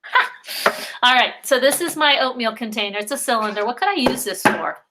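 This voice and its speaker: A woman preschool teacher leading a virtual circle time for young children, talking slowly and drawing out words in a sing-song way. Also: a little high, expressive, heavy background noise.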